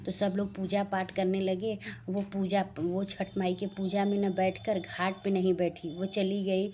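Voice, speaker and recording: A woman's voice: mid-range voice, level tone, measured pace, warm tone, slight background noise. A woman telling a devotional folk tale in a plain, homely way, restarting sentences as she goes. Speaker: storyteller.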